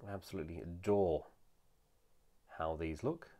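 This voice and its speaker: A man with a deep, mellow voice speaks at normal speed, though it sounds nasal as he recovers from a cold. He gives an enthusiastic, chatty casual toy review full of "uh" fillers.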